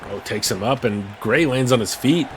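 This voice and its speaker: A male wrestling commentator does play-by-play in short, clipped bursts. His voice has an ordinary male pitch and sits over clearly audible background noise. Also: moderate pace. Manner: calls the action in short bursts.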